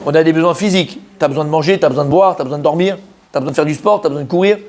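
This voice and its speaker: Un rabbin qui donne un cours de Torah en français, avec un ton vivant et direct, entremêlé de mots hébreux. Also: male voice, fairly high pitch, racing. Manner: animated, addresses listeners directly, mixes Hebrew terms into French. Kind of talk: Torah lesson, lively sermon.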